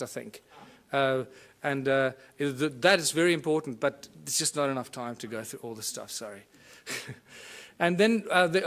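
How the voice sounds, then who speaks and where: A man's voice: on the high side, echoey room, rough recording. A man giving a lecture with a hands-on demonstration, explaining in a loose, rambling way with fillers and restarts.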